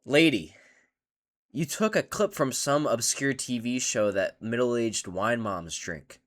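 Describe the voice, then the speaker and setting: A man hosting a casual reaction video, ranting in an animated and sarcastic way. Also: medium pitch, takes it slowly.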